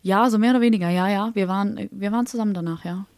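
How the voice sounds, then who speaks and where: A young woman, chatting casually as a podcast co-host and telling stories in a lively, blunt way. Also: mid-range voice, very fast, no room sound. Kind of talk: casual chat.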